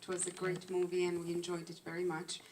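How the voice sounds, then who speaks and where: A woman's voice: fairly low pitch, completely flat delivery, fast, a little mellow, recorded from a distance, a little hiss or hum. A woman in her forties from Palestine, commenting earnestly from the audience at a film screening. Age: 40s. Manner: earnest, impassioned. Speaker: audience member. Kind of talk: question from the audience. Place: screening hall.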